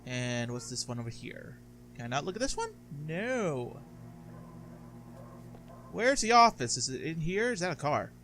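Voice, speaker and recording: Casting: male let's play host, bright and very animated, jokey casual commentary. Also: a little high, unhurried, pauses often, slight background noise. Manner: jokey, reacting aloud, mutters as he reads.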